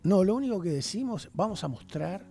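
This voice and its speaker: A man's voice: high-pitched, expressive, a little fast, warm tone, soft background music. A man, a guest in a radio interview, talking passionately and often checking in with his listener. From Argentina. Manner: passionate, talks with rhetorical tags.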